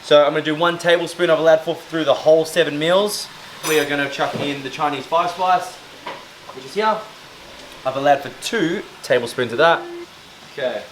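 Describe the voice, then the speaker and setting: A man with a fairly high voice speaks at a moderate pace as he cooks and chats for his fitness vlog. Filmed by a helper on a camera mic in a roomy home kitchen with faint cooking noise, he rambles with fillers and pokes fun at himself.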